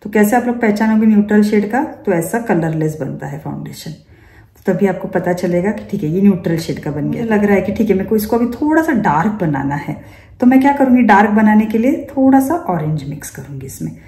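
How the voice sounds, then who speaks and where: A woman's voice: medium pitch, lively intonation, a little fast, mellow. A woman running a makeup class, who explains each step and often asks her students rhetorical questions. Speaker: makeup teacher. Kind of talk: instructional demonstration. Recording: echoey room.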